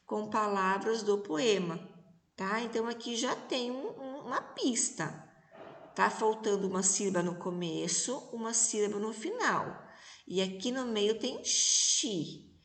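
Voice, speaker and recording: A Brazilian woman teaching young children in a remote lesson, speaking slowly and patiently and stretching out syllables. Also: mid-range voice, animated, a bit bright. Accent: Brazilian Portuguese. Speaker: primary school teacher. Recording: echoey, reverberant room.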